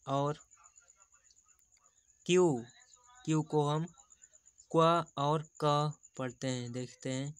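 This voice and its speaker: Male tutor, slow, patient, crisp dry close voice. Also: on the high side, no room sound. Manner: slow, explains patiently, repeats examples. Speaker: teacher. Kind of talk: teaching English pronunciation in Hindi.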